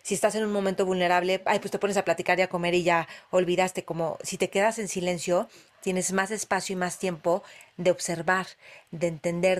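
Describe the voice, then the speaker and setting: Expressive woman telling stories. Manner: expressive, with sound-effect words and big pitch swings. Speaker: meditation practitioner. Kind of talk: casual personal storytelling.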